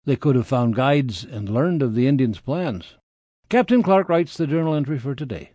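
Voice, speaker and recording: A man's voice: mid-range voice, expressive, normal speed, warm tone, dry recording. A man reading scripted history as a radio documentary narrator.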